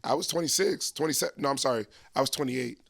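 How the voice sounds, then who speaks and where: A man's voice: medium pitch, fast, creaky, fairly bright tone. A man in his thirties sharing his story in a casual group talk, often checking in with "right?". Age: 30s.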